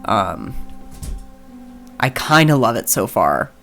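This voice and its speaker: A man's voice: on the low side, sing-song, slow pace, gravelly, a bit bright, faint music behind. A man chatting casually on a live stream, hesitant and self-deprecating as he reads a game aloud.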